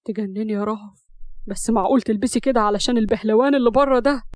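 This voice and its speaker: A woman's voice: a little high, fast talker, a little mellow, dry recording, clean studio sound, natural voice. A woman voicing a teasing, jealous young man with a sly, mocking way of talking.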